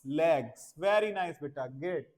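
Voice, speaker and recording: A male teacher leads a children's English lesson, patiently repeating words and spelling them out letter by letter as he mixes Hindi with simple English phrases. His voice is fairly high and darkish in tone, with lively intonation and drawn-out words.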